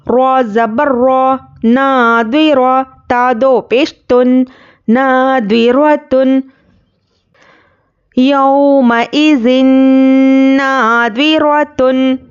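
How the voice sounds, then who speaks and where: Recitation teacher, female, high clear smooth voice, very slow drawn-out syllable drills, slightly muffled recording. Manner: spells out letters and vowel marks, then blends them slowly; explains quickly in a conversational teaching tone.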